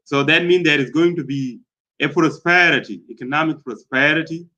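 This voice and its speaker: A man from South Sudan giving spoken commentary, speaking in a halting way with many fillers and repeated phrases. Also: on the high side, pushed and bright, highs cut off.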